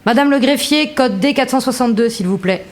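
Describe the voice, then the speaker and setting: An actress playing a firm, formal presiding judge with an authoritative manner in a courtroom audio drama. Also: female voice, a little high, fairly quick, slight background noise, close to an everyday voice. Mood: curt, firm.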